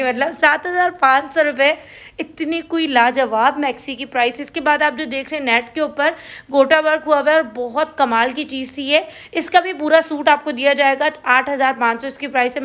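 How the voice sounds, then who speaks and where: A woman with a Karachi Urdu accent narrates a market shopping tour, her voice high-pitched and bright. She talks in a chatty, eager way, reeling off prices as she goes. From Pakistan. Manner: chatty, enthusiastic, listing prices. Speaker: shopping vlogger.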